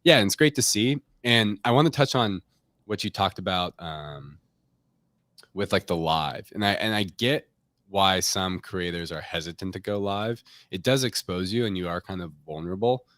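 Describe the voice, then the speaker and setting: A man with a deep, fairly bright voice speaks at a moderate pace as a tech company representative guesting on a podcast, joining remotely over a live stream call. He talks about the product casually and informally, hedging with frequent "like" and "kind of." The sound is studio-quality, with no room sound.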